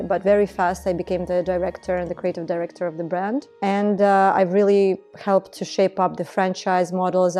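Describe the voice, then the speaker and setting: In a documentary interview, a beauty business founder from Estonia reflects earnestly on her work as an entrepreneur. She speaks in a lowish voice with a warm tone.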